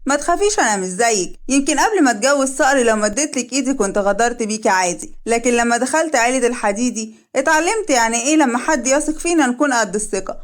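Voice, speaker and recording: A woman voicing a proud young wife who taunts her rival, with an Egyptian accent. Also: high voice. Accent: Egyptian Arabic. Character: mocking young wife, proud and self-assured.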